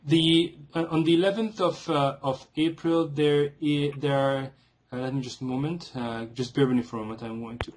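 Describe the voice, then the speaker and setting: A man with a husky, mid-pitched voice speaks as a customer on a service call. He is formal and insistent, laying out his complaint in halting phrases. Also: fairly even intonation. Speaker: customer calling an airline.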